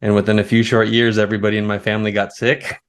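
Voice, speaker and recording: A man in his thirties, a guest on an interview podcast, telling long stories in a relaxed, easygoing way. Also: on the low side, quick pace. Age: 30s. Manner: relaxed, storytelling, now and then laughing. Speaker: guest, foraging expert. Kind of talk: conversational interview.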